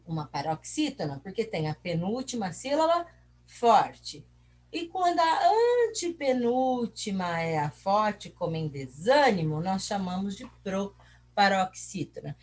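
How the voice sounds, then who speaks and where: A Brazilian woman teacher explaining a lesson, asking her own questions and answering them while stretching out syllables. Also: medium pitch. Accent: Brazilian Portuguese. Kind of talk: recorded class lesson.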